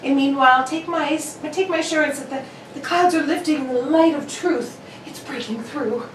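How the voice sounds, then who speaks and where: A woman playing a male detective, Sherlock Holmes, probing, brisk and courteous in a theatrical radio drama. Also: sits high, lightly acted. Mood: brisk, confident. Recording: roomy, distant mic with faint noise.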